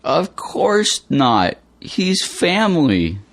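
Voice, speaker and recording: A man's voice: a little high, huge pitch swings, extremely slow, vocal fry, no echo, clean studio sound. A man reading everyday dialogues aloud for English learners with a plain, careful delivery. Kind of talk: slow scripted dialogue reading.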